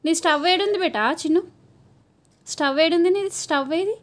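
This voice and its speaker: A woman's voice: very high voice, a little fast. A mother with a Telangana Telugu accent filming her toddler at home on a phone, coaxing and teasing the child in playful sing-song baby talk. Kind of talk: home video chatter with a small child.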